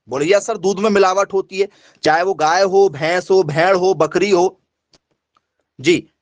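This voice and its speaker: A middle-aged man with a fairly high voice teaches an exam coaching class. He quizzes his students and then supplies the answers himself, repeating key facts so they stick. The sound is close-miked and dry. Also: no room sound. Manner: asks questions and answers them himself, repeats key points. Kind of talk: online exam coaching lesson.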